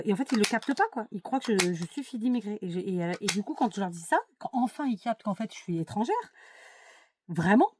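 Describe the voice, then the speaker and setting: A middle-aged woman from France talks straight to her viewers in a loose, rambling way, with lots of fillers and blunt asides. Her voice sits at an ordinary middle pitch. A steady hiss of noise runs under the home recording. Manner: chatty, opinionated, frequent fillers and asides. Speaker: YouTube vlogger. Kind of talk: casual chat to camera while doing a craft task.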